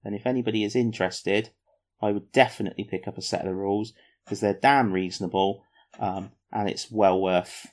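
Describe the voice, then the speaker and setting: Rambling, jokey man, lowish voice. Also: steady tone, brisk. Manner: jokey, self-mocking, rambling with fillers. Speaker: podcast co-host. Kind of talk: casual chat about tabletop wargaming.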